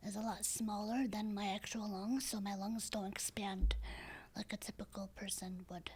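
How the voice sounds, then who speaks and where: A woman in her thirties appears as a podcast guest in a casual interview, speaking softly and hesitantly in a low, raspy, breathy voice. Her delivery is flat at a moderate pace, full of fillers and restarts.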